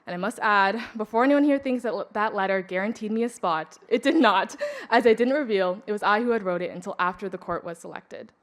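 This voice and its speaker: Composed young woman delivering a speech. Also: medium pitch. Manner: composed and deliberate, measured delivery. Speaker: student speaker. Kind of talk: prepared public speech.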